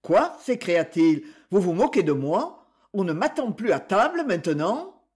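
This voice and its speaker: A man voicing a drunken, domineering old miller who shouts indignantly. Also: high voice, very animated, measured pace, husky, exaggerated voice. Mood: angry.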